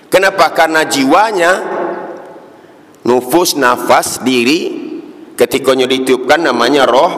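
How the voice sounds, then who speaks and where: A man, preaching a slow, rhythmic Ramadan dawn sermon in a mosque, sometimes slipping into soft, pleading prayers. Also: on the high side. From Indonesia. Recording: echoey, reverberant mosque hall.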